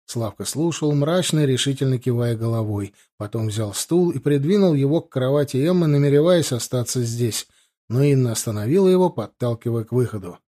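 A man narrating a story as an audiobook in a steady, even manner. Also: medium pitch, a little fast.

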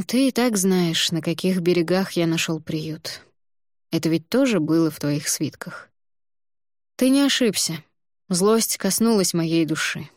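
A woman voicing a proud, bitter man whose letter reproaches an old mentor, in audiobook narration with cold, measured phrasing. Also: lowish voice, darkish tone, no room sound, studio quality, close to an everyday voice.

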